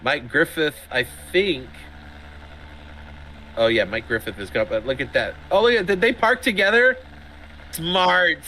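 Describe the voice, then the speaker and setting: Excitable male sim racing commentator. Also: a little high, a little slow, pauses often, a little hiss or hum. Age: middle-aged. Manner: excitable, chatty, laughs often. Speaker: race commentator.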